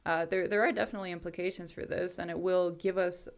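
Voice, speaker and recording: A woman guest researcher explaining findings in a measured, explanatory way, often adding "you know". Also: on the low side, steady tone.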